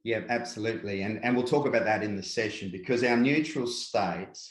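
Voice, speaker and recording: A man with an Australian accent, a guest speaker talking reflectively in an interview, unhurried and full of "yeah" and "yep". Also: fairly low pitch, reverberant, poor audio. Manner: unhurried, filler-heavy, repeats "yeah" and "yep". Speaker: guest speaker, workshop presenter.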